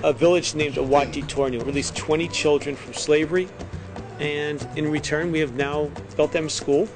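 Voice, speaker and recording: A man's voice: on the high side, fairly even intonation, moderate pace. A middle-aged man, a teacher, telling his story and explaining in an interview style. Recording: music behind the voice. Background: music.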